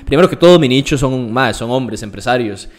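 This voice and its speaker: A young man with a Costa Rican accent talks in a loose, casual podcast chat. He is blunt and emphatic and packs his talk with street slang, with a voice of middling pitch. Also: lively intonation, brisk. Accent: Costa Rican Spanish. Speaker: podcast guest, fitness influencer.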